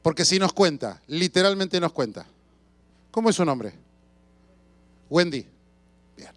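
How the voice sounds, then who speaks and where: A man preaching a sermon as a pastor, telling stories with shouts and sound effects and asking the congregation questions. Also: on the high side, lively intonation, measured pace, dry recording. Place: church.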